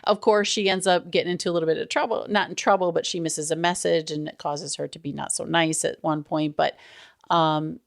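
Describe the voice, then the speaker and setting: A woman's voice: low-pitched, steady tone, a little fast, creaky, dry recording, clean studio sound. A middle-aged woman co-hosting a podcast in casual chat, rambling and laughing often. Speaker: podcast co-host.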